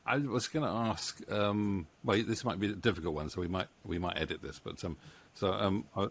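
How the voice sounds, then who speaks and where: A middle-aged man with a lowish voice speaks fairly quickly, hosting a casual video-call interview in a hesitant, rambling way. He's the host and a co-writer, sitting in a book-lined room at home. He talks close to a studio microphone mounted on a boom arm.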